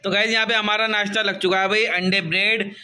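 Chatty high-voiced man vlogging at home. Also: little pitch movement, a little fast, pushed and bright, slight background noise. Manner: chatty, joking, addresses viewers as "guys". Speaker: family vlogger. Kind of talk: casual vlog chat to camera. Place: home and rooftop.

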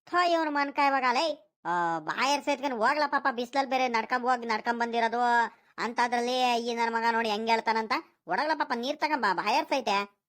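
A woman's voice: on the high side, a little fast, a bit bright, natural voice. A woman voicing a stingy, fussy old village grandfather in a cartoon, nagging and haggling, with a rural Karnataka Kannada accent. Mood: scolding. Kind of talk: cartoon voice acting.

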